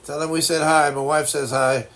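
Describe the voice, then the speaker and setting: A man in his sixties chatting casually as a livestream host, with a blocked-nose sound and a halting, reflective, folksy way of reassuring people. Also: a little high, flat delivery, fairly bright tone, a little hiss or hum. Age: 60s. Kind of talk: casual chat.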